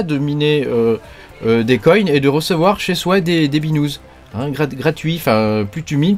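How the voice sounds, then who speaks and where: Man, YouTube crypto host, chatty and rambling, mid voice, light music bed. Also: medium pitch. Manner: rambling, heavy fillers and verbal tics. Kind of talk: joking casual video talk.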